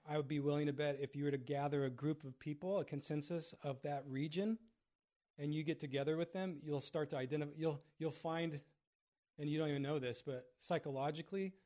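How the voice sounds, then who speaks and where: A man's voice: fairly high pitch, fairly even intonation, fairly quick, darkish tone. Mumbling man in casual chat. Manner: self-described mumbler.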